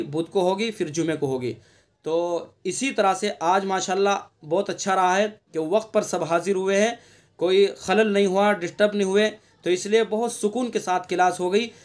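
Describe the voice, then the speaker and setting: A man from India giving an online Quran recitation lesson. He explains the rules patiently, drills single sounds by repeating them, and recites verses in a slow, drawn-out chant. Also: high-pitched.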